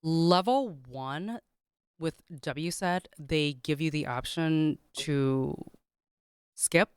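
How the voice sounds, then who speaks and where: A woman and guest on a podcast, telling a personal story in an animated way with many fillers and restarts. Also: low-pitched, extremely slow, clear, resonant tone, no echo, clean studio sound. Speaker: guest, caterer.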